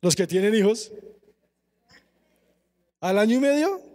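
A man preaching a sermon to a congregation, emphatic, slowing down for scripture and asking the listeners questions. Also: sits high, animated, a little mellow. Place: church service.

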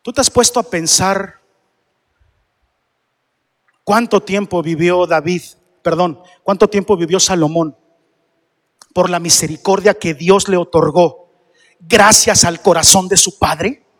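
High-voiced preacher in an echoing hall. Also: male voice, unhurried, pauses often. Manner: preaching with rhetorical questions to the congregation. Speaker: pastor. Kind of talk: sermon.

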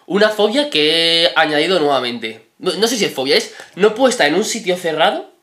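A man's voice: on the high side, expressive, brisk, a bit bright. A young man co-hosting a casual podcast, telling rambling, anxious stories. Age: young adult. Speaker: podcast co-host. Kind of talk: casual chat.

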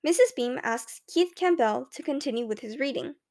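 A woman reading a children's novel aloud in the first person, with clear, expressive storytelling. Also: sits high, moderate pace. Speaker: audiobook narrator. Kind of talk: scripted first-person audiobook narration.

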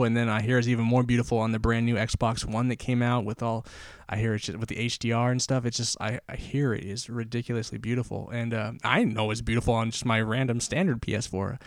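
A podcast host with a mid-range, darkish voice runs a solo show, talking enthusiastically and rambling, full of fillers and restarts. He sounds slightly out of breath, and the recording is dry and studio quality.

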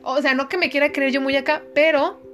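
A woman's voice: sits high, steady tone, a little fast, fairly bright tone, faint music behind. A young Mexican woman telling gossip in a casual chat, swearing freely and acting out dialogue. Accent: Mexican Spanish.

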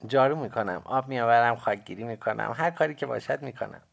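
A man's voice: medium pitch, vocal fry, pitched above the performer's own voice. A man voicing a poor, earnest errand boy of about ten in a storybook reading. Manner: plain, earnest answers.

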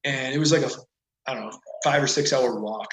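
A man's voice: mid-range voice, fairly quick, slight background noise. A man as a podcast guest, telling a story casually and animatedly, with lots of "like" and "whatever.". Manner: animated, rambling with frequent "like" and "whatever". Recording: echoey room.

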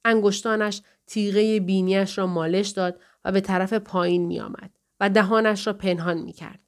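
A woman narrating an audiobook in a measured, calm storytelling manner. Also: mid-range voice.

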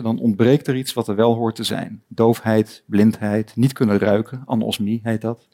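A man in his forties giving a recorded lecture on psychiatry, calm and explanatory, telling stories to make his points. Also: mid-range voice, creaky.

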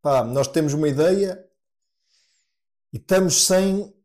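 A man's voice: fairly high pitch, slow pace, darkish tone. A man with a European Portuguese accent co-hosting a podcast, chatting casually and swearing freely. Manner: laid-back, swears often. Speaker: podcast co-host. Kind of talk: casual chat.

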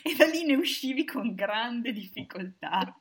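A woman's voice: a little high, animated, unhurried, crowd noise. A woman co-hosting a casual group chat in a playful, wry way. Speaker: co-host.

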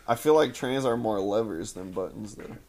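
A man's voice: fairly low pitch, moderate pace, over a noisy crowd. A young man as a podcast guest, chatting casually in a blunt, teasing way. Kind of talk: casual chat.

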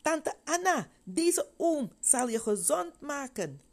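A woman voicing an eager ten-year-old girl who asks excited, insistent questions. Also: fairly low pitch, normal speed.

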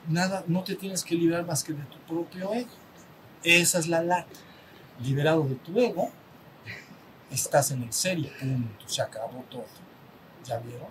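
Mexican teacher with a higher voice. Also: male voice, poor audio. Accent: Mexican Spanish. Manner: conversational, asks the group for assent, acts out little dialogues. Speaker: spiritual teacher. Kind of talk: teaching a small group. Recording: faint rumble behind.

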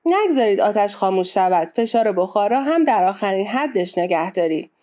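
Woman doing a calm, curt gentleman, Mr. Fogg. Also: medium pitch, natural voice. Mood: composed. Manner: curt, composed commands. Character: calm, determined rich English gentleman.

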